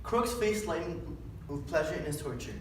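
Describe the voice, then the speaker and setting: A young adult man reads scripted story narration aloud for a readers' theatre, his voice a little high and expressive at a normal speed. The recording is very echoey, with a distant mic and faint noise.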